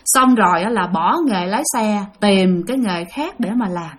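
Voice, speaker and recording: A woman's voice: medium pitch, normal speed. A woman telling a ghost story in a chatty way, talking straight to her listeners. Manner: chatty, addresses listeners directly.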